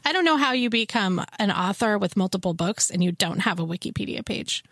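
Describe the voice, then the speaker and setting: A woman co-hosting a casual podcast, chatty and quick to laugh, who says she is never done ranting. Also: mid-range voice, animated, a bit bright, no room sound, studio quality. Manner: chatty, laughs easily, tends to rant. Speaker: podcast co-host.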